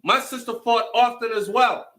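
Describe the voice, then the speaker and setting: A Jamaican man with a Jamaican accent and a very high-pitched, bright, forceful voice tells the story of his own life to camera. He speaks at normal speed, recounting it emphatically and with animation, slipping into patois and swearing freely.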